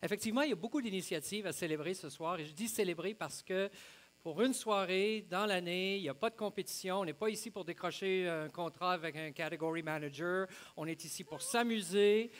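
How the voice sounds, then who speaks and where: High-pitched man co-hosting a gala. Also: brisk. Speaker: gala co-host. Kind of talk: live awards-show hosting.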